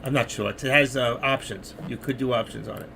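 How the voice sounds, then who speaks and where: Medium in pitch and steady in tone, his voice is a little fast, creaky and sharp. A middle-aged man, he moderates a trading live stream, rambling chattily to viewers while his voice wears out, with slight background noise.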